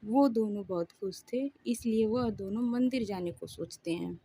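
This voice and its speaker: A woman telling a romantic story in a gentle, emotional narrating voice. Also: mid-range voice, moderate pace, breathy edge.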